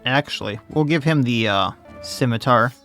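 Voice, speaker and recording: A man's voice: mid-range voice, moderate pace, pushed and bright, soft background music. A man, slightly losing his voice, commenting casually on his own gameplay and thinking aloud as he plays. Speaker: let's play host.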